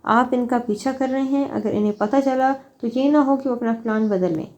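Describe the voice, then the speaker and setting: A male officer in an audio novel, voiced by the woman reader. He issues careful instructions in a steady, authoritative tone. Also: a little high, lo-fi sound, lightly acted. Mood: firm. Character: male officer in charge, giving orders by phone.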